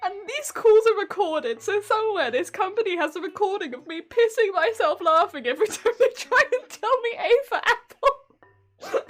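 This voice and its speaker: A woman's voice: very high-pitched, lively intonation, normal speed, a bit bright, faint music behind. A young woman with a Hampshire English accent chatting casually on a stream, telling a story and often breaking into laughter. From England. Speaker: cosplay streamer.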